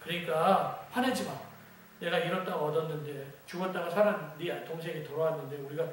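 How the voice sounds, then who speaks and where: A man voicing a patient, loving father who reasons calmly with his son. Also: fairly high pitch, a little fast, a little hiss or hum, natural voice. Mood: gentle. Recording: very echoey church hall, distant mic.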